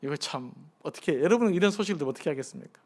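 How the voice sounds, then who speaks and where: A man's voice: fairly high pitch, expressive, very fast. A male pastor preaching a sermon at a midweek prayer service, talking conversationally and asking his congregation many questions. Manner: acts out pleading prayers in a hushed, softened voice.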